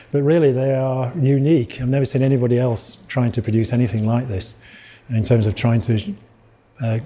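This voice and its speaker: A man's voice: medium pitch, warm tone. A middle-aged man with a Yorkshire accent giving an illustrated lecture, rambling with restarts and asides.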